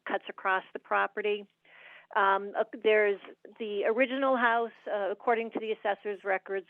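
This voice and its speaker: A woman heard over a speakerphone, presenting a permit application at a public meeting, steady with frequent ums and uhs. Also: mid-range voice, dry recording. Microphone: speakerphone on a remote call. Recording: tinny, dry phone line.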